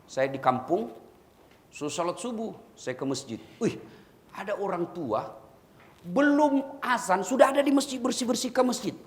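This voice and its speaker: Lively-pitched preacher with a Makassar accent. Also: male voice. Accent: Makassar Indonesian. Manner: addresses listeners as "Pak", jokes and storytelling. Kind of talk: humorous sermon to a crowd.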